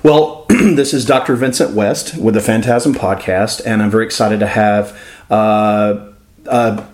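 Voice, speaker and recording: A man's voice: fairly low pitch, fairly even intonation, unhurried, a little mellow, echoey room. A man from Florida with a Florida drawl, hosting a podcast interview. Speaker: podcast host.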